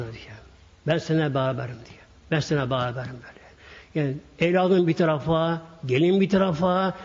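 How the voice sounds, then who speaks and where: A man's voice: on the high side, darkish tone. A man preaching a sermon to a congregation, telling a story and acting out the quoted dialogue. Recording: dull echoey hall recording.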